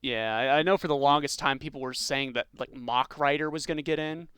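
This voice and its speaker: A man hosting a podcast, chatting in a relaxed way about video game characters with lots of ums and likes. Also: medium pitch, a little fast, clean tone, dry recording, studio quality. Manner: relaxed, many fillers like um and like. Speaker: podcast host.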